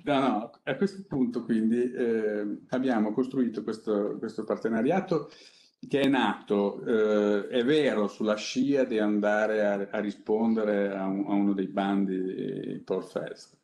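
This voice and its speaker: A middle-aged man speaks from a panel table, presenting without a script and pausing often as he goes. His voice sits low. The room around him rings with echo, and faint background noise runs underneath. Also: steady tone, darkish tone. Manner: conversational, unscripted, halting with frequent pauses. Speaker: company innovation director presenting a project. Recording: echoey conference room.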